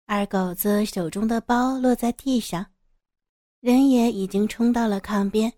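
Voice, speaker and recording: Brief: woman storyteller reading a serialized story, calm and steady, mellow and dry. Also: a little high, unhurried, no room sound. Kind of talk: scripted audio story narration.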